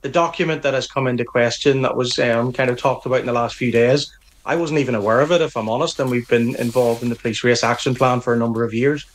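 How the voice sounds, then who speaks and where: Speaking fast, a middle-aged Northern Irish man representing a police association gives firm, earnest interview answers and often restarts what he's saying. His voice is mid-range with fairly even intonation.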